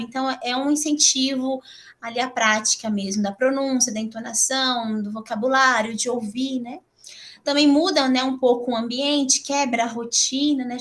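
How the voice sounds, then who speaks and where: Chatty Brazilian woman teacher. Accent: Brazilian Portuguese. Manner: chatty, fills with frequent "né"; animated, laughs and jumps up in pitch. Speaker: English teacher presenting to fellow teachers. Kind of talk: teacher training talk.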